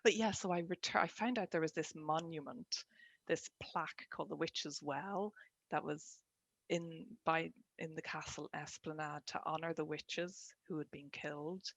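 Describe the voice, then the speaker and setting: An Irish-accented woman telling her own story reflectively in an interview, with a lilting, expressive storyteller's delivery. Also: deep voice, normal speed, no echo. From Ireland. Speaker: guest, poet and storyteller.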